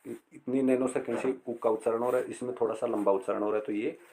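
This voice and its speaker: A middle-aged male teacher explaining an English lesson slowly and patiently, repeating words and reading phrases aloud. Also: medium pitch, fairly even intonation, warm tone.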